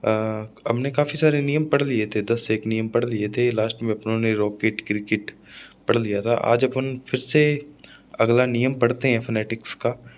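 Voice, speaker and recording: A male English teacher with a Rajasthani Hindi accent gives an exam-prep phonetics lesson, repeating each word and checking in with "है ना". He speaks at moderate speed with a medium pitch and fairly even intonation. A little hiss or hum is audible.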